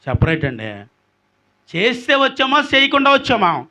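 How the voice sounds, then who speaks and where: A man's voice: extremely high pitch, huge pitch swings, normal speed, sharp tone. A male pastor preaching a sermon, prompting the congregation to answer back.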